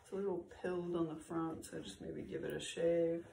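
Her voice is gravelly, fairly low and a little fast: a middle-aged or older woman sorting found clothes on camera, casual and chatty with frequent fillers, slightly congested from a cold. Recorded indoors in a bright, bare-walled room by a camera a few feet away, the audio is roomy and slightly distant, with slight background noise.

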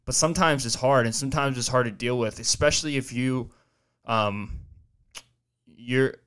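A 22-year-old man hosts his own podcast alone, rambling casually, swearing freely and reflecting on himself. His mid-range voice is clear and resonant, a bit bright, at a moderate pace. He records in a small home studio on a boom-arm desk mic with headphones on.

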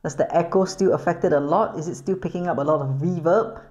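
A woman's voice: on the low side, fast talker, a little mellow, highs cut off. A woman vlogging casually as she tests microphones, talking in a playful, jokey, chatty way. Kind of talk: casual vlog, testing microphones.

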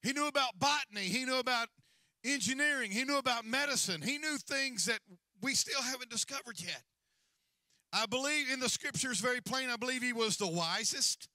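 A man's voice: very high voice, lively intonation, brisk, bright, forceful tone, dry recording. A middle-aged man preaching a sermon as senior pastor on a large church stage, with a handheld mic and a repetitive, rising and falling cadence.

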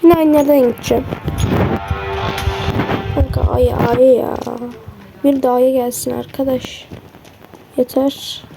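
A woman with a gravelly, slightly hoarse, sick-sounding voice gives casual commentary on her own gameplay, keeping her voice low and muttering her reactions. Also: fairly even intonation, measured pace, pauses often, music in the background, rough recording. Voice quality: gravelly, creaky voice. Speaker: gamer narrating own gameplay.

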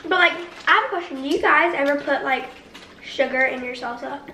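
A woman's voice: sits high, brisk, pushed and bright, recorded from a distance. A young woman chatting upbeat and giggly during an eating vlog, peppering her talk with "like". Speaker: guest co-host. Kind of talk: casual mukbang chat. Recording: echoey room, slightly off-mic, faint noise.

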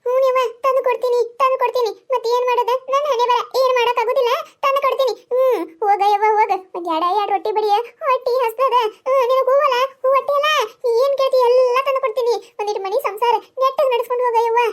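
A woman's voice: very high voice, fairly even intonation, quick pace, few pauses. A woman with a North Karnataka accent voicing a grumbling, nagging village mother-in-law in a cartoon comedy. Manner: grumbling, nagging, talking to herself.

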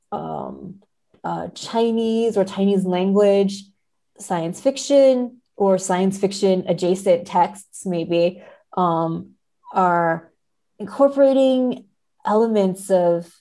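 With a warm, creaky, medium-pitched voice, a woman guests on a podcast as a literary scholar. She lays out ideas carefully and with academic hedging during a thoughtful interview.

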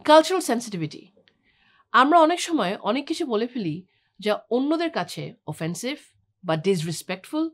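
A woman's voice: a little high, big pitch swings, normal speed. A woman, an English trainer, giving a scripted lesson and taking points one at a time. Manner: clear, explanatory, lists points one by one. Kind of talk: scripted instructional talk.

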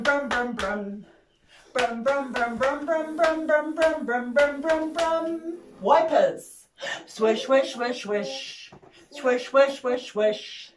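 With a slightly high voice and a New Zealand accent, an older Kiwi woman presents rhymetime at a library, singing and gasping in a lively, cheerful way to engage toddlers. The setting is a small carpeted indoor room; the camera sits far away, giving roomy sound with slight background noise.

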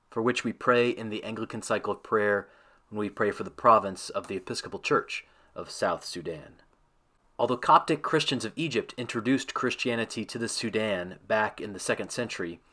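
A man narrating a scripted church devotion and closing with a prayer. His voice sits fairly low but has a bright, sharp edge. He reads in a measured, reverent manner.

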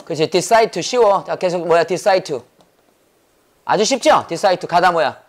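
Brisk Korean English teacher quizzing. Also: male voice, high voice, lively intonation. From South Korea. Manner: quizzing with rapid rhetorical questions; brisk, repetitive drilling. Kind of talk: classroom lecture.

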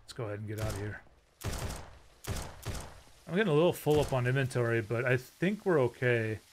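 A man's voice: mid-range voice, animated, brisk, background noise. A man giving casual, rambling commentary while playing a game, often breaking into startled outbursts. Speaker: gaming YouTuber.

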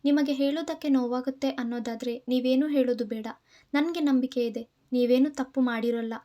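A woman's voice: high-pitched, fairly even intonation, fairly quick, warm tone, lightly acted. A woman voicing a caring young woman who comforts an older friend in an earnest, reassuring way.

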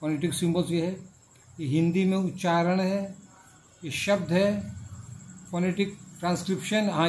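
With a slightly high voice and a darkish tone, a middle-aged man lectures on phonetics in a classroom. There's a little hiss or hum, and he explains slowly, repeating and elongating each word.

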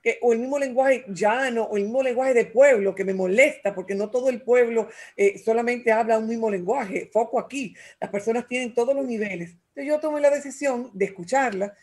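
A woman, talking as a guest expert on communication in an animated, expressive way and acting out quotes. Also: a little high, a little fast, hardly any pauses. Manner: animated, acts out voices and quotes. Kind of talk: radio talk show conversation.

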